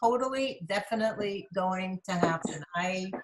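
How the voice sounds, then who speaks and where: A woman's voice: mid-range voice, normal speed, noisy background. An older woman at her retirement video call, talking in an emotional, affectionate way. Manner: effusive, affectionate. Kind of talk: emotional casual chat.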